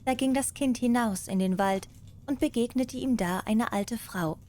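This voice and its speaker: A woman narrating bedtime fairy tales as an audiobook storyteller, in a warm, gentle manner. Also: a little high, moderate pace.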